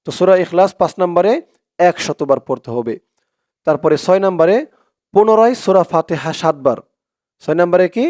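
A man with a Bangladeshi Bengali accent teaching a prayer routine step by step, reciting Arabic phrases slowly and repeating each count patiently for his viewers. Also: a little high, a little mellow, no echo, clean studio sound. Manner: repetitive, patient, addresses viewers directly. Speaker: religious teacher. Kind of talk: step-by-step instruction.

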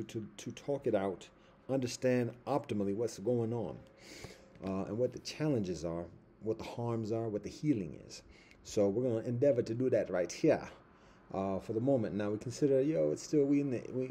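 A middle-aged man in a casual, reflective vlog monologue, using Rastafarian-style speech and halting, repetitive, deliberate phrasing. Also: lowish voice, dark tone, slight background noise. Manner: Rastafarian-style speech with patois words like "brethren" and "ting".

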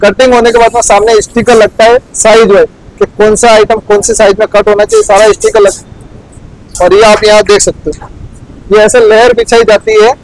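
Casting: young man, high-pitched, plain step-by-step explainer, big factory floor, clip-on mic. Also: level tone, normal speed, low-quality recording. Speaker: factory guide. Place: large indoor garment factory floor.

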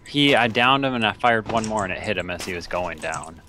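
A man playing an online shooter with friends, reacting quickly and swearing often. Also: on the low side, lively intonation. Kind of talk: casual gaming chat. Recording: game noise behind. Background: game sounds.

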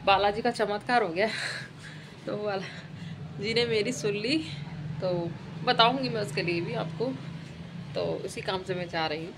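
A woman's voice: unhurried, long pauses, noisy background. A young woman from India chatting casually in a home vlog about her day and her child. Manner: chatty, talks to her child in high cooing tones. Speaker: vlogger.

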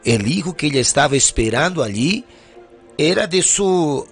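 A man's voice: a little high, animated, normal speed, husky. A man narrating his own story in a confessional, agitated way, with music behind. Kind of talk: dramatized true-story narration.

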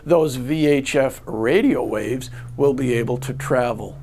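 Working as a flight school ground instructor, an American man in his sixties delivers an instructional lecture to camera, very slow, careful and step by step, with rhetorical questions. His pitch is mid-range, and the background is noisy. The setting is an indoor video studio, with a lavalier clipped to his shirt.

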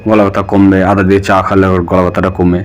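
A man's voice: low voice, monotone, quick pace. A man with a Bengali accent gives a spoken vocabulary lesson, repeating each word and asking and answering his own questions. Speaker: language teacher.

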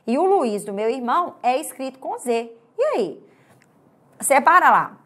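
A woman's voice: high-pitched, animated, fairly bright tone. Chatty Brazilian woman teaching grammar. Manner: pauses and hurries unevenly. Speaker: Portuguese language teacher. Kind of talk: online exam-prep grammar lesson.

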